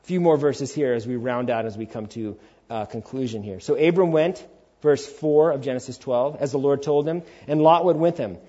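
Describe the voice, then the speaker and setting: In a muffled recording, a man in his forties speaks at normal speed with a warm, mid-range voice. He preaches emphatically and informally, asking rhetorical questions, acting out quotes and drifting into conversational asides.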